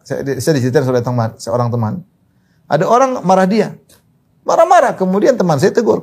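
Male preacher, slightly high voice, emphatic, repeats key points, swings pitch widely. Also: darkish tone. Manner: quotes Arabic scripture, emphatic repetition, pitch swings widely. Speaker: Islamic preacher. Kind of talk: religious lecture.

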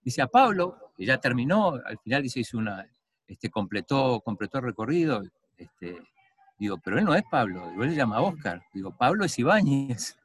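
A man's voice: medium pitch, sing-song, brisk, husky. A man interviewing an athlete, telling a story in a chatty way with many fillers.

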